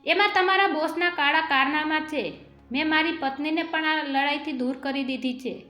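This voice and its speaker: Brave young husband, earnest, storybook hero, read by a woman, bright high voice, roomy echo. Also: fairly even intonation, normal speed. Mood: defiant. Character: brave young husband, resolute, later wounded. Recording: echoey room with faint music.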